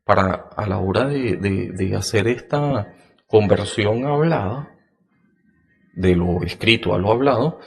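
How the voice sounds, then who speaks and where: Male podcast host, low-ish voice, very slow deliberate explainer with frequent fillers. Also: vocal fry. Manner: acts out example phrases in a raised, sing-song pitch.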